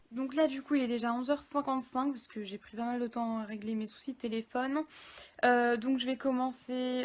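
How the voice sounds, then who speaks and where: A young woman chats in a casual reading vlog, her voice sitting a little high. She talks loosely and hesitantly, often stopping on fillers. It sounds like a phone recording with a faint hiss underneath. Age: young adult. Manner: chatty, many hesitations and fillers. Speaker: book vlogger. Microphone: phone camera.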